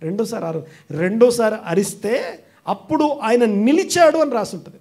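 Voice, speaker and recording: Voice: medium pitch, expressive, moderate pace, gravelly, mellow. A pastor preaching a sermon emphatically and calling on the congregation to repeat phrases back.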